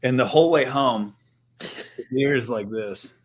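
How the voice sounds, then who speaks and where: A man's voice: medium pitch, normal speed. A middle-aged man co-hosting a podcast, telling stories in a loose, joking way with some swearing. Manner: storytelling, laughing and swearing. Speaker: podcast co-host. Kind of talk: casual chat.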